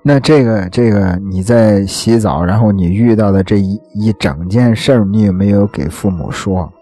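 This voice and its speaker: A man's voice: fairly low pitch, normal speed, mellow, faint music behind. A man hosting a call-in show, giving brief replies and asking probing follow-up questions. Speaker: host. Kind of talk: call-in interview.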